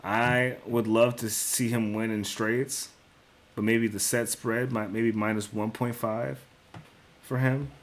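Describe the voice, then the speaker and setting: A young male host delivers sports betting picks solo in a casual way, his medium-pitched voice level and unhurried. He talks through his reasoning, corrects himself as he goes, swears sometimes, and uses "bro" and "dude" a lot.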